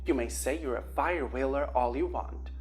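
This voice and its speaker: A woman's voice: rumbling low, normal speed, a little mellow, faint music behind. A woman voicing a middle-aged witch mother who lectures her daughter in an audiobook. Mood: scolding.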